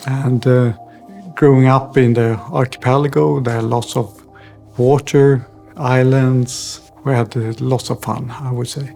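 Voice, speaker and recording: A middle-aged man with a Swedish accent speaks slowly and haltingly, full of pauses and fillers. His voice is gravelly and mellow. Soft music plays faintly behind him. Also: medium pitch, fairly even intonation. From Sweden. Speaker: guest. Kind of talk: personal interview.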